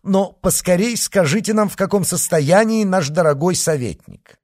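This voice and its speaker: Excitable noble prince in an audiobook, read by a man, high and eager. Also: normal speed, no room sound, clean studio sound. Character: excitable high-born young French prince.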